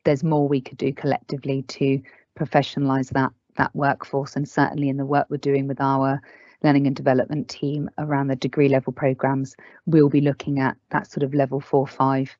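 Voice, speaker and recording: A woman's voice: extremely low pitch, completely flat delivery, brisk, dark tone, no room sound. A woman presenting at an online learning event, answering questions earnestly and candidly. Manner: earnest, candid, emphatic about staff and families. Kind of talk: webinar presentation and Q&A. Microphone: video call. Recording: dull, dry lo-fi call audio.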